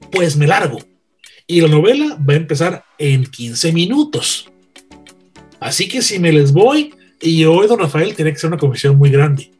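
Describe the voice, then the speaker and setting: A radio veteran with a fairly high, breathy-edged voice chats on a panel and tells anecdotes with emphasis. He gets animated and repeats phrases for effect.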